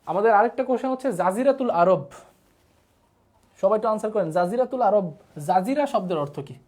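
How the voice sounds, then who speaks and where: A man's voice: sits high, lively intonation, brisk, a little mellow. Bangladeshi guy teaching a live online class, keeps repeating words and asking for comments. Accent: Bangladeshi Bengali. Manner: repetitive drilling, asks viewers to comment.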